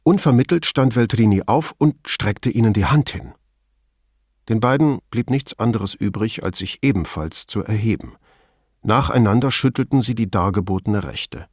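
A man narrating an audiobook in a measured, expressive storytelling manner. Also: fairly low pitch, no echo, studio quality. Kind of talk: scripted narration.

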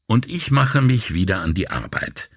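Guy doing a dry polite cop boss, skeptical, low and a bit husky. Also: animated, normal speed, no room sound. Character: calm, politely ironic male police commissioner. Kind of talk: audiobook character voice.

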